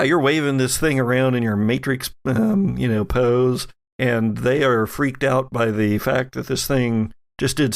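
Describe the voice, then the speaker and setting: A man narrates off the cuff as game master of a tabletop game, speaking in a halting, conversational way. His voice is medium in pitch.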